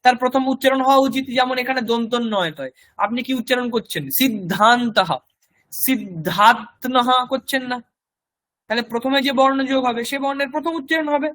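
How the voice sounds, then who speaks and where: High, bright-voiced male language teacher. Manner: explains step by step and repeats example words slowly for drill. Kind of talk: recorded class lecture.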